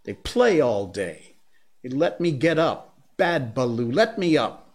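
A man voicing an excited young boy raised in the jungle, pleading and rushing his words together, in a storybook reading. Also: mid-range voice, voice pushed up. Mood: eager. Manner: pleading, excited, breathless run-on talk.

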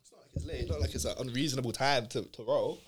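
A man's voice: medium pitch, quick pace, slight background noise. A young man with a London accent chatting and telling stories in roadman slang, repeating phrases for emphasis. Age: young adult. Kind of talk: casual chat, anecdotes.

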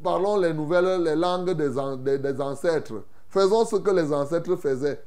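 A man preaching a sermon, retelling Bible scenes in an animated way with folksy asides to the congregation. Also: on the high side, moderate pace. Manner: animated, acts out Bible scenes with loud outbursts.

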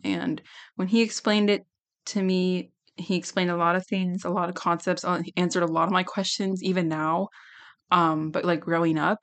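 A young adult woman hosting a casual solo podcast, giggly and rambling, with a slightly hoarse, worn-out voice. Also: on the low side, a bit bright. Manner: giggly, rambling, self-deprecating. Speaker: podcast host.

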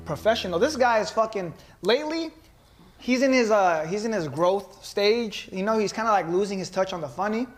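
Male podcast host with a high voice, casual and slangy, ribbing his co-host. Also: expressive, normal speed, faint music behind. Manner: teasing, slangy. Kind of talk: casual comedic chat.

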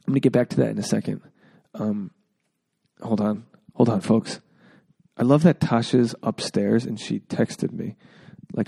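Gravelly man hosting a casual podcast. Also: lowish voice, dark tone. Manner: rambling, jokey asides. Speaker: podcast host. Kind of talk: casual advice podcast talk. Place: indoors at home.

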